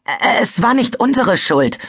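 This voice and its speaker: A woman's voice: lowish voice, expressive, normal speed, pitched above the performer's own voice. A woman voicing a nervous, stammering male dragon in a storybook reading. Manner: stammering, hesitant.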